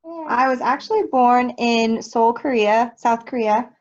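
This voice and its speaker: A woman's voice: on the high side, measured pace, highs cut off. A young woman from Nebraska, a teacher answering interview questions in a cheerful, easygoing way. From Nebraska, United States. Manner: cheerful, easygoing, light laughs. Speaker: third grade teacher, guest.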